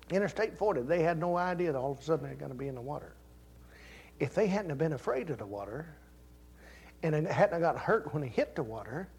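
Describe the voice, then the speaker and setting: An older man preaching a sermon, telling folksy family stories and rising to loud, fervent Scripture reading. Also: on the high side, breathy edge. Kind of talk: sermon with personal story.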